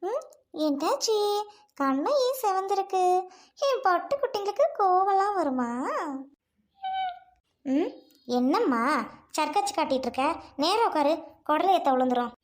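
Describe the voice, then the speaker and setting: A gentle young wife and mother, played by a woman, in a family skit. She talks softly in a very high voice and pleads her innocence. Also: lively intonation, measured pace, long pauses. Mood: tender. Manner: soft, pleading. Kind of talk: Tamil village family skit.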